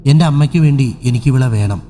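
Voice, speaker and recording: A man voicing a vengeful female spirit in a horror audio story, speaking slowly and threateningly. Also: mid-range voice, warm tone, faint music behind, lightly acted. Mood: menacing.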